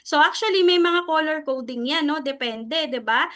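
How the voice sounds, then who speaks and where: Bright-voiced Filipino woman teaching a class. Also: high-pitched, moderate pace. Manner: checks in with listeners constantly, tag questions after nearly every phrase; Taglish, switching freely between Tagalog and English. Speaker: trainer teaching presentation skills. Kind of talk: seminar lecture to a sales team.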